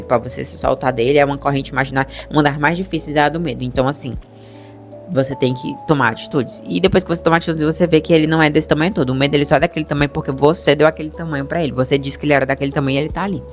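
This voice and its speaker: A young Brazilian woman with a Brazilian Portuguese accent, telling her personal story to her viewers in a chatty, animated way. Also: deep voice. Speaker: vlogger.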